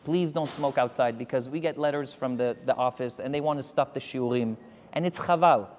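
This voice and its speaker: A man, a rabbi, giving a Torah lecture to his congregation and telling stories with animated energy. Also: mid-range voice, a little fast, long reverb tail, slight background noise. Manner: animated storytelling, addressing the crowd directly.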